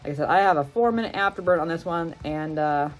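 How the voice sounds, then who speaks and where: A woman's voice: low voice, quick pace, soft background music, rough recording. A woman in her thirties talking casually to camera in a wry, unpolished way as she does a food challenge. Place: furnished room at home, indoors. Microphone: camera on the desk, about arm's length.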